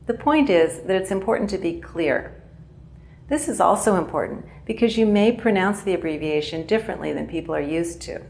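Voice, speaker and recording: Lady teacher explaining pronunciation, kinda low voice with a gravelly edge, slow and clear. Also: darkish tone. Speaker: English teacher. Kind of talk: pronunciation lesson.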